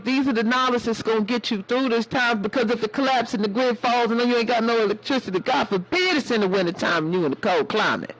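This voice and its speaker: A man playing a sassy, preachy elder woman who calls her listeners baby and honey, his voice hoarse. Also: very high voice, fairly bright tone, rough recording. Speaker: live-stream host. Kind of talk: preachy casual live-stream talk.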